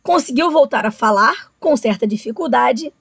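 A woman reading a children's story aloud, slow and expressive, speaking to children. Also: a little high, creaky, breathy edge, dry recording.

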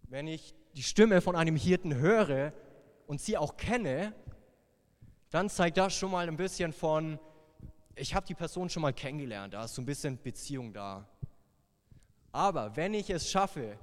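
A young man preaching a sermon, playful and lively, dropping to a hushed voice for tender lines. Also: fairly high pitch, unhurried, long pauses. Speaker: youth pastor. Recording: long hall reverb.

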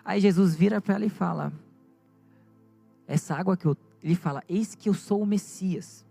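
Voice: mid-range voice, normal speed, vocal fry, mellow, soft background music. A preacher with a Brazilian Portuguese accent, retelling a Bible story in vivid everyday speech before building to fervent exhortation in a sermon.

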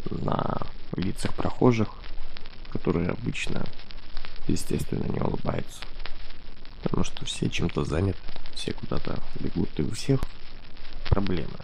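A young man in his twenties speaks in a very deep, heavily gravelly voice. He talks in a thoughtful, halting monologue, with a faint hiss of noise behind him. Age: 20s. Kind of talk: reflective monologue.

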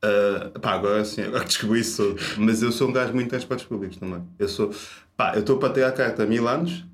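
A man with a European Portuguese accent, a stand-up comedian telling a story in casual chat, animated and acting out the people in it. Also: fairly low pitch, fast talker. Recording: roomy echo.

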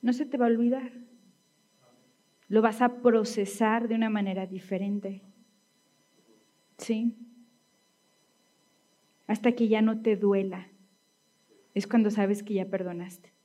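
A woman's voice: mid-range voice, fairly even intonation, takes it slowly, pauses often, dark tone. A woman pastor preaching a sermon in a conversational way, often checking in with tag questions.

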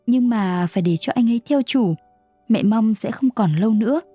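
A woman voicing a gentle, kind noble mother who speaks in a soft, soothing way. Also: fairly high pitch, normal speed, husky, dry recording, soft background music.

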